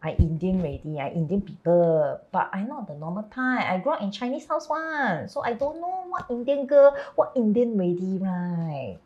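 A woman's voice: medium pitch, lively intonation, normal speed, hardly any pauses, dark tone, highs cut off, close to an everyday voice. A woman playing a chatty, blunt Singaporean character in a comedy series, speaking colloquial Singlish with lah and lor. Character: chatty, blunt Singaporean Indian woman raised in a Chinese household. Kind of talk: scripted comedy series dialogue.

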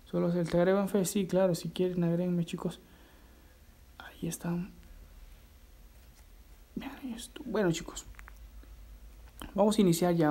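A man hosting a live gameplay stream, chatting excitedly and reading viewer messages aloud. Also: high-pitched. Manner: excitable, reads viewer chat aloud, shouts at the game. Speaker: livestreaming gamer host. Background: game music.

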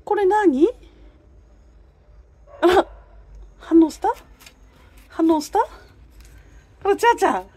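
A woman's voice: very high voice, animated, measured pace, pauses often, a little mellow. A woman chatting to a neighborhood cat while filming it on a phone outdoors, coaxing and teasing it. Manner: chatty, coaxing, talks to the cat in a sing-song voice.

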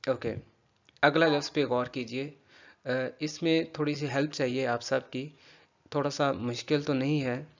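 A man teaching English pronunciation, patiently drilling words slowly and repeating them for a learner. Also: mid-range voice, fairly even intonation, lo-fi sound. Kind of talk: spoken language lesson.

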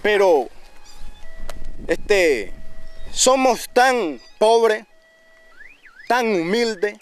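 A man's voice: sits high, very animated, extremely slow, clean tone. A young man, speaking earnestly and proudly in an outdoor documentary interview, often repeating words and restarting. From Ecuador. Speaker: waste picker interviewee. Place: outdoors at a landfill. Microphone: handheld interview mic.

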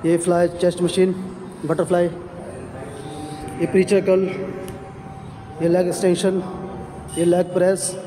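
A man with a high, even-toned voice walks a camera through a gym and narrates what he sees. He keeps pointing things out and repeats phrases as he goes. Steady background noise from the gym and the road sits under his voice. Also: unhurried, pauses often. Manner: plain, repetitive guiding, points things out as he walks. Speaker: vlogger giving a gym tour. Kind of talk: walking tour narration. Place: inside a busy gym.

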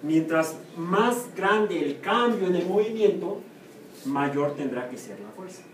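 A man's voice: high voice, expressive, takes it slowly. A man with a Mexican Spanish accent, a university professor giving a classroom lecture, who puts questions to the class and answers them himself. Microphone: room or camera mic from a distance. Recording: echoey classroom, far from the mic, noisy.

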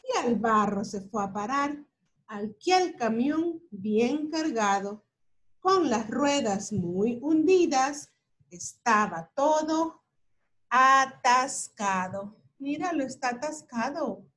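A woman with a high voice reads a picture book aloud to little kids. She takes it slowly, pausing to point things out on the page. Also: expressive, fairly bright tone. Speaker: Spanish teacher for young children. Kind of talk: children's story time read-aloud.

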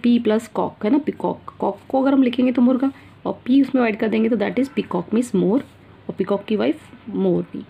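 The audio is dull, and the woman's mid-range voice sounds creaky and husky. She is an Indian school teacher explaining English grammar to kids in mixed Hindi and English, saying "beta" to them and repeatedly checking "theek hai na".

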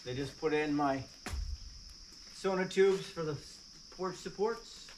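A man's voice: a little high, slow pace, slight background noise, poor audio. A man hosting a casual walkthrough vlog, chatty and plainspoken, talking from a basement under a lifted house. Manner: chatty, plainspoken, with frequent "uh" fillers. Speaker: woodworking channel host.

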